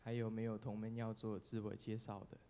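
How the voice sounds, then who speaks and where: A man's voice: lowish voice, monotone, a little fast, mellow, slight background noise. A man hosting a temple gathering, giving brief welcomes and inviting people to introduce themselves. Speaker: event host.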